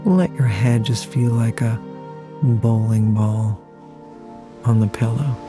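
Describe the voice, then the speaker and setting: A guided meditation host speaks very slowly over clearly audible music. The delivery is deliberate and soothing, leaving long pauses as it leads a relaxation hypnosis. The voice sits at a medium pitch. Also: fairly even intonation. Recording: music playing behind the voice.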